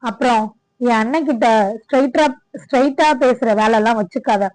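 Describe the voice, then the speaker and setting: A stern young husband giving a firm warning, read by a woman storyteller. His tone is steady and serious. The recording is dry and close. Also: fairly high pitch, moderate pace, dry recording, lightly acted, low-quality recording.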